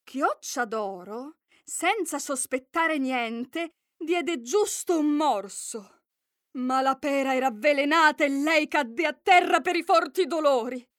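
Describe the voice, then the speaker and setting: A woman reading a fairy tale aloud in an expressive storytelling manner. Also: sits high, takes it slowly, no room sound, clean studio sound. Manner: expressive, varied storytelling with voiced characters.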